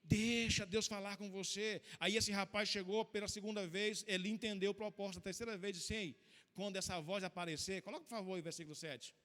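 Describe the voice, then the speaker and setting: A man's voice: high-pitched, steady tone. A Brazilian pastor preaching a sermon, telling his own story with emotional, emphatic swings in volume. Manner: emotional storytelling preacher, rising to loud, slow emphatic lines. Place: church hall. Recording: long church-hall reverb.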